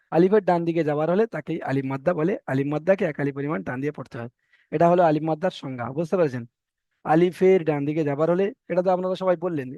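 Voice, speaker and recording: A man's voice: fairly high pitch, warm tone, no echo. A man teaching Quran reading in an online class, patiently repeating rules and correcting his students. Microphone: video call. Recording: dull dry online call audio.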